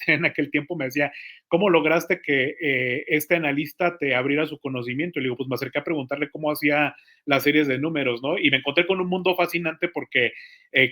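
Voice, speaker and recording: A man's voice: a little high, pushed and bright. A man, a journalist talking on a podcast, telling anecdotes thoughtfully with some hesitations. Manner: reflective, tells anecdotes with hesitations. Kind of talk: podcast conversation.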